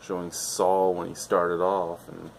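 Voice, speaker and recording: A man's voice: sits low, completely flat delivery, unhurried, vocal fry, slight background noise. A middle-aged man reviewing a beer on camera at home, rambling and enthusiastic, swearing freely. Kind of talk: casual beer review vlog. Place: living room at home, indoors.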